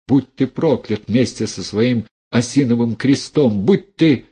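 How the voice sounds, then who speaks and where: A man's voice: mid-range voice, unhurried, mellow, breathy edge, pitched above the performer's own voice. A man reading an audiobook voices a terrified, furious woman who shrieks curses in a raised voice. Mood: cursing. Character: terrified furious merchant's ward, a grown woman.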